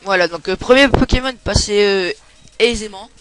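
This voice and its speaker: A man's voice: high-pitched, moderate pace, fairly bright tone, smooth, soft background music, poor audio. A young man giving casual, chatty commentary over his gameplay, swearing when it goes badly. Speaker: let's play gamer.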